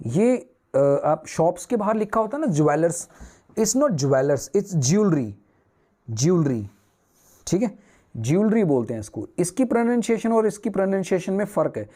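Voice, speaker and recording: A man's voice: high voice, big pitch swings, normal speed, mellow. A man teaching newspaper vocabulary, asking and answering his own questions at a whiteboard.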